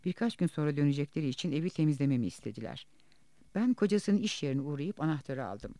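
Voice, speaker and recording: A man reading as a wounded woman cleaner, subdued and lively. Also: a little high, fast talker, no echo, lightly acted. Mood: grim. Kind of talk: audiobook reading.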